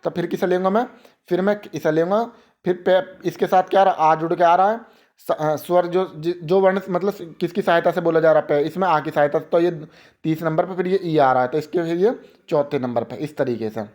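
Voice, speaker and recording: A young man teaching an exam-prep grammar lesson, asking questions and answering them himself, and slowly repeating example words. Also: fairly high pitch, darkish tone.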